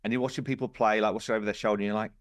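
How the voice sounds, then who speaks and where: A game studio co-founder chats on a casual podcast, telling stories animatedly and acting out quoted remarks. His voice is fairly low-pitched and rapid-fire, with no echo.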